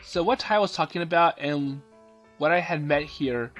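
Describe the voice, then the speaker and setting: A man's voice: a little high, moderate pace, a bit bright. Hesitant man narrating a game. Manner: hesitant, many fillers and restarts, paraphrasing dialogue. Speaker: let's play commentator. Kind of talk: casual game commentary, translating and summarizing the story. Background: game music.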